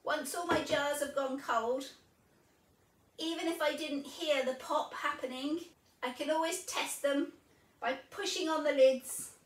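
A woman's voice: sits high, fairly even intonation, unhurried. A woman in her fifties chatting cheerfully as she shows each step of cooking in her home kitchen. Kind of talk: casual kitchen demonstration. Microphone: camera mic at a distance. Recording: roomy kitchen sound, mic a little far off.

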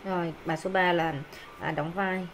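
A woman teacher explaining English textbook exercises with many hesitations and pauses. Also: fairly low pitch, level tone, slight background noise, poor audio.

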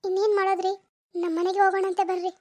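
With an extremely high, level-toned voice and a fast pace, a woman plays a cartoon's gentle young village wife, reassuring and soothing in a North Karnataka Kannada accent. There's no room sound.

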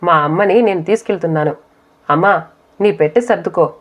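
A woman's voice: fairly low pitch, brisk, natural voice. A woman voicing a fiery, protective young married daughter who speaks in heated outbursts. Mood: indignant. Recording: dull lo-fi audio.

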